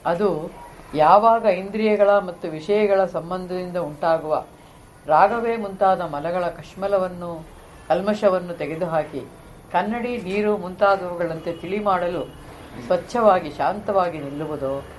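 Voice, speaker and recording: Male reader, formal and steady, high voice with faint hum behind. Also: unhurried, poor audio. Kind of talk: reading a commentary aloud.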